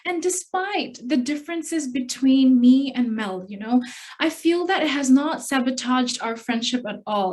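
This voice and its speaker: Young woman from hong kong, contest speech, earnest storytelling, kinda high voice. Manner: earnest storytelling, acts out quoted dialogue. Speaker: test speaker at a speech contest. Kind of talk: prepared speech.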